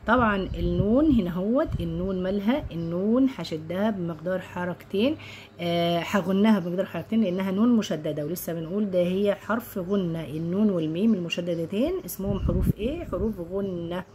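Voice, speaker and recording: A woman with an Egyptian accent teaching tajweed, chanting verses slowly and melodically, then explaining quickly and repeating sounds to correct them. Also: on the low side, a little mellow, slight background noise. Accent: Egyptian Arabic. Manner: drawn-out melodic recitation between quick explanations. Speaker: Quran recitation teacher. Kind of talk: tajweed lesson with slow recitation.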